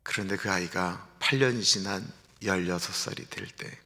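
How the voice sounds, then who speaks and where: A man's voice: deep voice, moderate pace, bright, forceful tone. A male pastor giving an early-morning sermon in a conversational way, asking the congregation rhetorical questions. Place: church sanctuary. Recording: livestream in a reverberant church hall.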